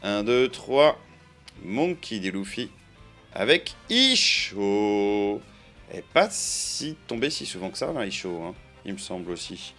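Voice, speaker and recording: A man's voice: lowish voice, animated, normal speed, soft background music. A man giving chatty, playful commentary while opening trading card boosters, counting out cards and joking with his viewers. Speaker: card-opening video creator.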